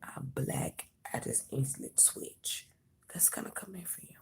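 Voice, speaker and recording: In a hushed, personal tarot reading for the viewer, she sounds emphatic and comforting, repeats herself, and calls the listener honey and mama. The voice sits at medium pitch but swoops wildly, slightly slow and husky.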